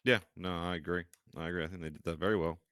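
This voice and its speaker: Sweary guy in casual chat, low but bright and forceful voice. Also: steady tone, racing, smooth, no echo. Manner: blunt, swears a lot, trails off mid-sentence. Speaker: podcast co-host.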